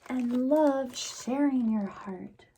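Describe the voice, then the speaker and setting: Reading aloud at a children's story time, a woman with a high voice speaks extremely slowly. She addresses the young listeners in a sing-song, exaggerated, encouraging way, and the recording carries clear background noise.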